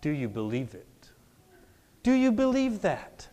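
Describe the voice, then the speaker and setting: A man preaching a sermon to a congregation in church, leading call-and-response with emphatic, drawn-out repetition. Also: fairly high pitch, huge pitch swings, warm tone. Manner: call-and-response, has the congregation repeat after him. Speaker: pastor.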